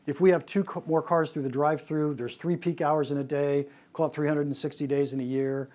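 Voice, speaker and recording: Animated man teaching pricing. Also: on the high side, a little fast. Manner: animated, asks rhetorical questions and often restarts. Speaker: pricing consultant. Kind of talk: presentation on pricing.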